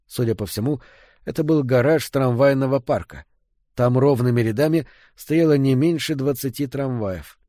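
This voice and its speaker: A man's voice: mid-range voice, no room sound. Male audiobook narrator, dry close sound. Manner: steady, measured first-person storytelling. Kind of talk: scripted narration.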